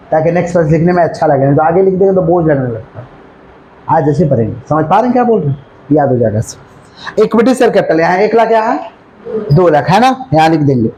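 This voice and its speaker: High-voiced man teaching a class. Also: dark tone, a little hiss or hum, low-quality recording. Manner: repeatedly checks understanding with questions; dictates slowly, then rattles off explanations. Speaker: commerce teacher. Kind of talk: classroom lecture.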